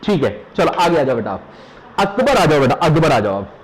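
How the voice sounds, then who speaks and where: A man's voice: fairly high pitch, sing-song, normal speed, background noise. A man with a Pahari-tinged Hindi accent, a teacher giving a live exam revision class, repeating points, joking and quizzing students with questions. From Uttarakhand hills. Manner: calls students "beta", jokes and laughs while teaching.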